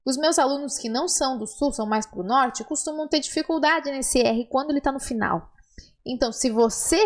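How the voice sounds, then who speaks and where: A young adult woman with a southern Brazilian accent teaching a language lesson, patiently explaining and modeling words slowly for the listener to repeat. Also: fairly high pitch. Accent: southern Brazilian Portuguese. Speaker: Spanish teacher.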